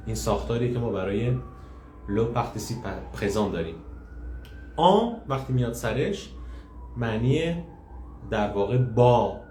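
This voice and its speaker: A man's voice: lowish voice, darkish tone. A man teaching French in a live online class, patiently explaining and repeating each phrase. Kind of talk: live online language lesson. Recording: echoey room, faint hiss.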